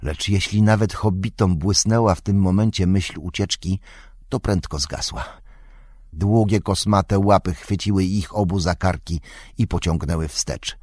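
Deep-voiced man reading an audiobook. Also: unhurried, a little mellow, dry recording, clean studio sound. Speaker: audiobook narrator. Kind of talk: scripted narration.

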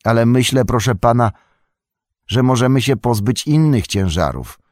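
A man's voice: medium pitch, expressive, normal speed, darkish tone, dry recording, clean studio sound, voice pushed up, natural voice. A man voicing a loyal, earnest young male hobbit servant who pleads with his master in a raised, eager voice.

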